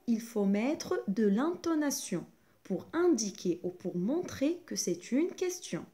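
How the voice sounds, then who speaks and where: Teaching a grammar lesson to young schoolchildren, a woman speaks slowly and clearly, her pitch swinging widely. Her voice has a slightly mellow quality.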